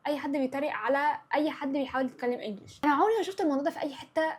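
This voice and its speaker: A woman in her twenties with an Egyptian Arabic accent hosts a casual chat podcast, talking very fast in a high voice. She's chatty and opinionated, slipping English words into her speech.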